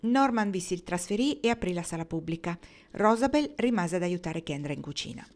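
A woman reads a novel aloud in a measured, expressive way. Her voice sits fairly low for a woman. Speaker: audiobook reader. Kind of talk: novel narration.

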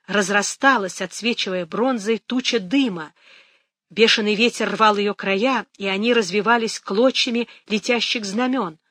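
A narrator reading a novel aloud in a measured, dramatic audiobook style, recorded close to the mic. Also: medium pitch, fairly bright tone, dry recording.

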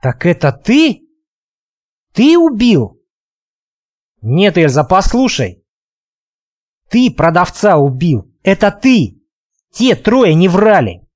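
Indignant young woman, read by a man, accusing and shrill, audiobook. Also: big pitch swings, takes it slowly, pauses often, a little mellow, full character voice. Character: female fighter, young, indignant and frightened.

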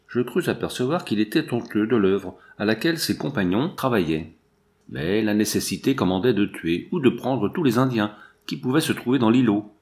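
Expressive male audiobook narrator. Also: on the low side. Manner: expressive, dramatic reading. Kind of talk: scripted narration.

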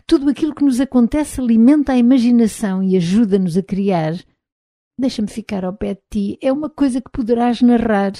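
A woman with a European Portuguese accent reading the lines of a pushy adult man who pleads softly, in an audiobook. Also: a little high, fairly quick, dry recording, studio quality, pitched above the performer's own voice, natural voice. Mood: coaxing. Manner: soft, wheedling pleas.

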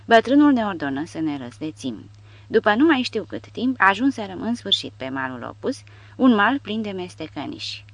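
A woman's voice: mid-range voice, very animated, no room sound. A woman narrating an audiobook expressively. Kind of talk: scripted narration.

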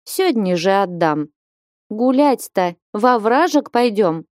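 A woman's voice: mid-range voice, animated, slow pace, darkish tone, no echo, clean studio sound. A woman reading an audiobook voices a sleepy, sullen young bride who answers lazily and grudgingly. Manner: sluggish, lazy, grudging.

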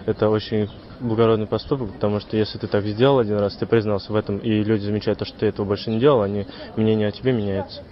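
Guy talking super fast in a monotone, street interview, muffled audio. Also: fairly low pitch. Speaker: passer-by interviewee. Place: city street outdoors.

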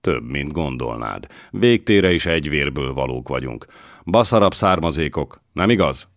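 A man's voice: extremely low pitch, animated, dry recording, studio quality. A man reading as a sly scheming old voivode. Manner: sly, insinuating.

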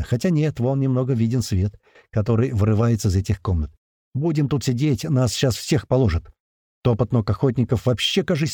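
A man narrating a first-person action audiobook in rough slang, breaking into loud shouted lines. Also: mid-range voice, no room sound, studio quality.

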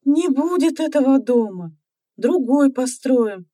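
A woman voicing a bossy middle-aged village woman who shouts orders at her neighbours. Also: sits high, lively intonation, slow, no echo, clean studio sound, voice pushed up, heavily acted. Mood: urgent bossy.

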